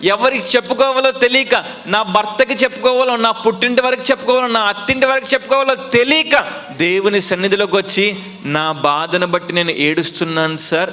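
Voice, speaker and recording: A man's voice: high voice, a little fast, sharp tone. A man voicing a grieving childless woman who pleads with a priest in a tearful voice, within a sermon retelling. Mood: pleading.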